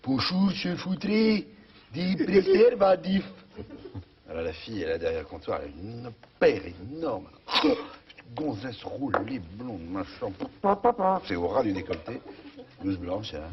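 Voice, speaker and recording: A man's voice: low-pitched, lively intonation, normal speed, slight background noise. A man telling a joke on a TV show, taking his time and mimicking the characters. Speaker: guest telling jokes. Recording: dull lo-fi 1990 TV archive.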